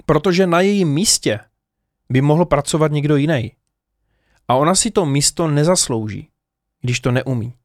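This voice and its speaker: Animated man telling a story, dry sound. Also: fairly high pitch, long pauses, dry recording. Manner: animated, lots of hesitations and laughs, addresses the viewers directly. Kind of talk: casual storytelling to camera.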